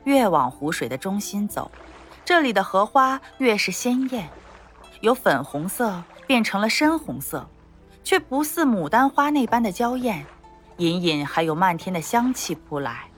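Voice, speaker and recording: A woman narrating a novel as an audiobook in an expressive storytelling manner. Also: mid-range voice, measured pace, soft background music. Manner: expressive storytelling, lively intonation.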